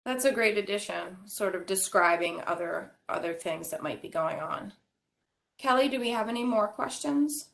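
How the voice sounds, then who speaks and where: A woman physician moderating a webinar panel over a video call, speaking in a reflective, measured way. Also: mid-range voice, expressive, gravelly, fairly bright tone. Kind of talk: professional panel discussion.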